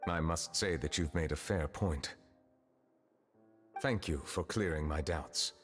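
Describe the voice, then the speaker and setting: An actor playing a solemn, dignified chief justice in a video game, formal, measured and courteous. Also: male voice, rumbling low, in a large hall, faint music behind. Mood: composed.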